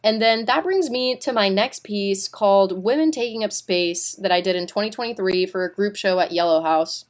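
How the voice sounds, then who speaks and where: A woman's voice: mid-range voice, normal speed, few pauses. Young woman presenting her art portfolio. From Puerto Rico. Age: young adult. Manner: friendly, with frequent "um" and "kind of". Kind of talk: presentation narration.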